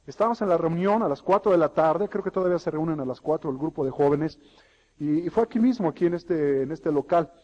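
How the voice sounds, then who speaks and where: A man delivers an emphatic sermon in a church hall, his voice sitting fairly high. He keeps turning to the congregation with rhetorical questions. The sound comes through like a radio broadcast. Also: fast, warm tone, lo-fi sound. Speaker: pastor.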